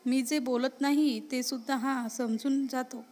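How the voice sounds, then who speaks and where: A woman voicing a lively young college girl who talks back playfully and gets indignant. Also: sits high, a little slow.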